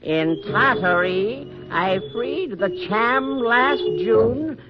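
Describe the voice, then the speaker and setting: A mysterious wandering piper who speaks slowly and with courtly care. Music plays clearly behind him. The sound is dull and muffled, like a 1940s radio broadcast. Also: male voice, very high-pitched, expressive, exaggerated voice. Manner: slow, measured, courtly.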